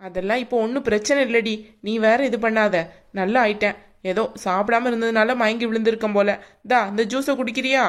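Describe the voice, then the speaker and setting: Woman doing an older cartoon mother, southern Tamil Nadu accent, fretful, fast talk, slightly high voice. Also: steady tone, close to an everyday voice. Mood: worried. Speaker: voice actor. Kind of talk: cartoon voice acting.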